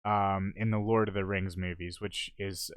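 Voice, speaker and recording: A man's voice: sits low, little pitch movement, moderate pace, clear, resonant tone, no room sound, studio quality. Casual, profane young man telling stories. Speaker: podcast host. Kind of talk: unscripted solo podcast storytelling.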